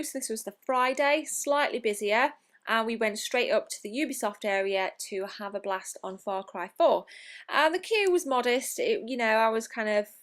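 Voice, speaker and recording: A woman's voice: on the high side, vocal fry. A young woman narrating her gaming convention vlog in a chatty, enthusiastic way, with frequent ums and the odd swear word. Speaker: gaming vlogger.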